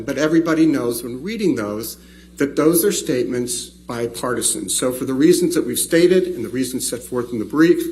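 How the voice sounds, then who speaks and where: A man's voice: mid-range voice, a little mellow, a little hiss or hum, poor audio. A man arguing as a trial attorney, heard in a courtroom recording, emphatic and indignant, often doubling words as he presses a point. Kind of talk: formal courtroom argument.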